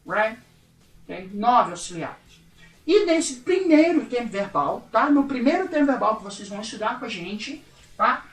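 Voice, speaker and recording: A woman's voice: on the high side, fairly bright tone, far from the mic. A woman teaching English to Portuguese speakers in a chatty recorded lesson, often checking in with the class. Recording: echoey room, voice off-mic.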